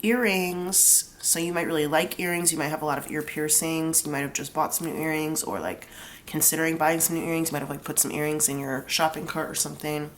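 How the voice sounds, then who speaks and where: Talking fairly quickly in a low voice over slight background noise, a young tarot reader explains each card pull casually. Her nose is blocked from a cold, and "like" crops up constantly.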